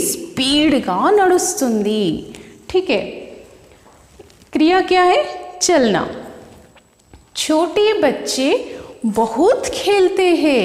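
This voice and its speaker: A woman's voice: high-pitched, darkish tone. A woman teaching a lesson, mixing two languages as she explains and asks and answers her own questions. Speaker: Hindi teacher. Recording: echoey room with long reverb.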